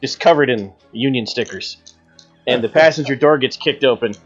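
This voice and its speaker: A man's voice: medium pitch, moderate pace, lo-fi sound, faint music behind. A man narrating a tabletop horror game as game master, with dramatic storytelling. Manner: dramatic second-person storytelling. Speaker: game master, show host.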